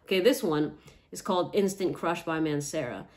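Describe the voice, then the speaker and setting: A woman's voice: sits low, normal speed. A woman chatting casually in a product review vlog, emphatic, tagging her points with "okay?". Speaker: fragrance reviewer.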